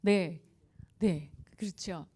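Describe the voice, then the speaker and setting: Woman speaker at a church revival, warm mellow voice, chatty lecture w/ stories, keeps asking the crowd stuff and laughing. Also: lowish voice, drawn-out words, slightly rough. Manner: anecdotal, asks the audience questions and laughs often. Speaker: guest speaker at a revival meeting. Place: church service before a congregation.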